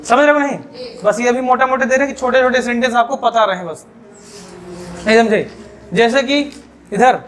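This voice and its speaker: Male English teacher, very high voice, repeats his questions to drill a classroom. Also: normal speed, long pauses, a bit bright, a little hiss or hum. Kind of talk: classroom spoken-English lesson in Hindi.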